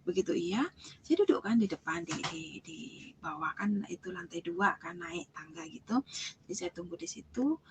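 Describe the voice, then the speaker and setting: A young woman giving a spoken personal testimony, telling her story with lively acted-out dialogue and sudden drops into whispers. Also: fairly low pitch, moderate pace, noisy background. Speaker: testimony giver.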